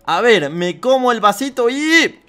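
Young man, high voice, lively swings, playful let's play commentary. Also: unhurried, smooth. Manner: excitable, playful, repeats words. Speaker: gaming YouTuber.

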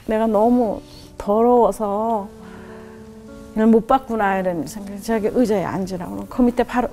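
A woman's voice: steady tone, moderate pace, soft background music. A middle-aged woman giving a heartfelt personal testimony as a missionary guest in a studio, earnestly retelling her story. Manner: earnest and heartfelt, quotes God in a lowered softer voice.

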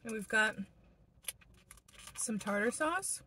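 A woman's voice: fairly high pitch, expressive, takes it slowly, pushed and bright. A young woman giving a casual food review in a parked car, talking while chewing with her mouth full. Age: young adult. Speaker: food vlogger. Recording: noticeable background noise in car.

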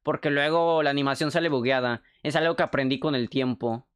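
A young man with a Mexican accent, chatting fast and excitably on a livestream, swearing freely while showing how he works. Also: mid-range voice, smooth. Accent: Mexican Spanish. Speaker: streamer. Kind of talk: casual livestream chat.

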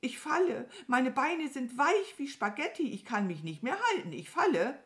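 A woman's voice: high-pitched, big pitch swings, normal speed, pitched above the performer's own voice. A woman voicing a greedy, dramatic female crow who whines and complains theatrically. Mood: panicky.

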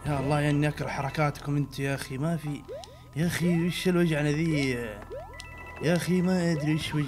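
A young man giving let's-play commentary, switching between muttering and loud outbursts. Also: on the high side, flat delivery, fast talker, music in the background. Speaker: gaming channel host.

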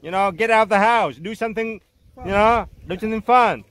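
A middle-aged man hosting a fishing channel, chatting excitedly in simple, broken English from a small open boat at sea, filmed on an action camera. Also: high-pitched, brisk. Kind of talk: casual excited narration while fishing. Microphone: handheld or mounted action camera.

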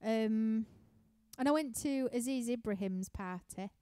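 A chatty young woman with a Yorkshire accent rambles through viewer questions from her living room, laughing often and filling pauses with lots of ums. Her voice sits on the higher side yet sounds mellow and dark. The sound is dry and close, with no room echo. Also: clean tone. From Yorkshire, England. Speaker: musician hosting a live stream Q&A. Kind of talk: casual chat reading viewer questions.

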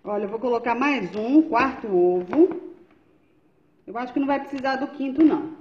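Recorded in a home kitchen, this muffled, echoey clip with faint noise features a cooking channel host with a fairly high voice at normal speed. She chats through a step-by-step recipe demonstration, often pausing to check in with her viewers.

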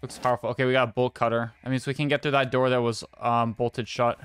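A man's voice: medium pitch, flat delivery, fast talker, a bit bright, clear, resonant tone. A young man giving live commentary as a scared horror game streamer, pleading and muttering in repeated phrases. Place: small room indoors at a desk, webcam stream. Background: horror game music.

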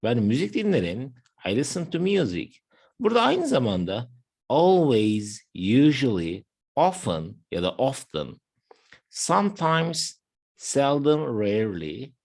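Gravelly, animated Turkish man teaching. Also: medium pitch. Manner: explains step by step, slows down for example phrases. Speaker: English teacher. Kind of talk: language lesson narration.

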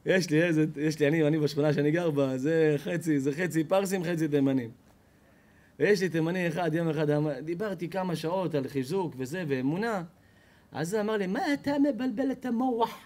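A rabbi delivers a spirited sermon in a high voice. He tells stories to his audience and swings between loud outbursts and low asides. The man talks with a preacher's flair. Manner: expressive storyteller, acts out quoted people with loud high shouts. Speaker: rabbi giving a Torah class. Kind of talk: animated sermon.

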